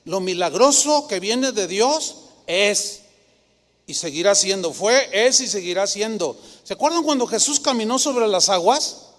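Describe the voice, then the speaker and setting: A man with a Mexican Spanish accent preaches a sermon with a lively storytelling manner and slips into the voices of the people he quotes. His voice sits high for a man. A long reverb of a church hall trails after each phrase. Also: a little slow. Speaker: pastor.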